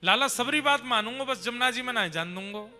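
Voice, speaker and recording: A man's voice: very high voice, fairly quick, pushed and bright, pitched above the performer's own voice, heavily acted. A man playing a doting old Braj father, coaxing. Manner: coaxing, fond scolding. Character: doting elderly father, indulgent but cautious. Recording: long hall reverb with music.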